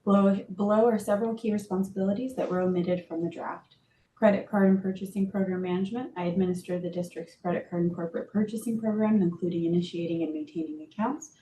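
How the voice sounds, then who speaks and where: Mellow woman clerk in an echoey room. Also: fairly even intonation, fast talker. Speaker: meeting clerk or staff member. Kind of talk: procedural talk and reading correspondence aloud. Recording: roomy, echoey, faint rumbling noise.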